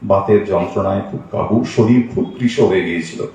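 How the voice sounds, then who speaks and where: Reverent monk telling a devotional story. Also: male voice, sits low, a little fast, darkish tone. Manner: storytelling with quoted dialogue, reverent. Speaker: monk giving a spiritual talk. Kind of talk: devotional talk. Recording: echoey hall from a distance.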